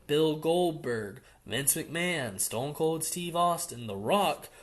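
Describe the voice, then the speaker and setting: A man's voice: on the high side, lively intonation, slow. A young man co-hosting a casual podcast, giving his opinions in long run-on explanations. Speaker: podcast co-host.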